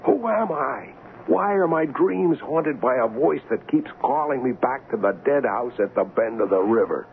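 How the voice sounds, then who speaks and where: A desperate young man pleads urgently for the truth. His voice swings widely and carries a gravelly edge. It comes through a narrow, hissy old broadcast. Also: mid-range voice, expressive, moderate pace. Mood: pleading. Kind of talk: 1940s radio acting. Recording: tinny old radio broadcast with faint hiss.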